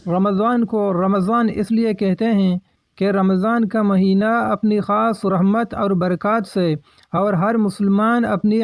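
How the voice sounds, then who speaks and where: A man giving a measured religious explanation in a steady, explanatory manner. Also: sits high, no room sound. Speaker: religious teacher.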